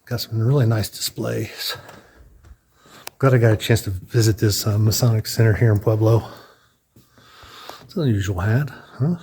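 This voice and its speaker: Walking through a building's hallways and large rooms, this man casually narrates his tour, a little breathless, chatting and restarting as he thinks aloud. He speaks at normal speed in a lowish, darkish voice with long pauses, and there is slight background noise.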